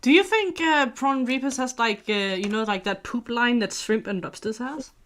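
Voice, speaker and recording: A woman's voice: on the high side, normal speed, fairly bright tone. A woman co-hosting a casual livestream, teasing and swearing playfully. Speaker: co-host.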